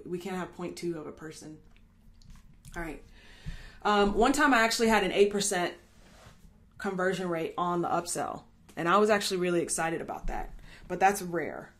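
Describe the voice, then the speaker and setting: A woman with a fairly low voice teaches a marketing training class, chatty and upbeat. She keeps checking in with her listeners and thinks out loud, correcting herself mid-stream. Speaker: online marketing coach. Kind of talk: live training lesson.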